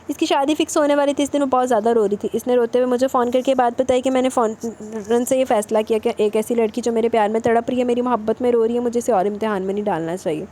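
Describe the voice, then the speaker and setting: A brooding young husband pleads his case in a romance audiobook, as a woman reading aloud voices him. He lectures earnestly and insistently, in a fairly high, mellow voice. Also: close to an everyday voice. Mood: confessing.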